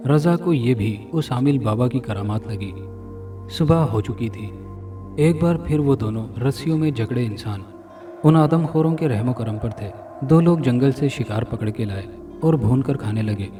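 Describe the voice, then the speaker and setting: A man reading a scripted horror story dramatically, sounding a little far from the mic over loud music. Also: medium pitch, normal speed. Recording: narration from a distance with loud music.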